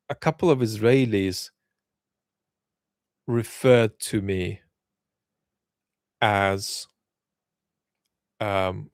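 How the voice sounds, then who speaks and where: A man with a lowish voice and darkish tone hosts a livestream Q&A on his channel, thoughtfully answering viewer questions and often repeating words as he restarts sentences. He is an adult who lived in Israel as a child between ages nine and twelve. The recording is dry with clean studio sound.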